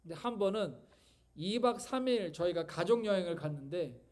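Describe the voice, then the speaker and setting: A man's voice: high voice, expressive, moderate pace, a little mellow. A male pastor giving a conversational sermon, telling stories and asking rhetorical questions.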